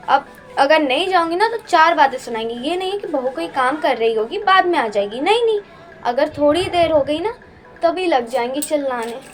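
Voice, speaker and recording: A woman playing a tired young daughter-in-law who mutters complaints to herself in a comic family skit. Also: high voice.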